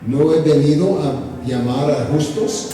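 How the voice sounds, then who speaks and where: A man preaching a sermon as pastor, teaching slowly and deliberately with rhetorical questions. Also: fairly high pitch, mellow. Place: church hall. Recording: echoey hall from far off, faint ambience.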